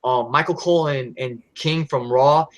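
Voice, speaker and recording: A man's voice: mid-range voice, normal speed. A man hosting a casual podcast chat who agrees readily and steers the talk. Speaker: host.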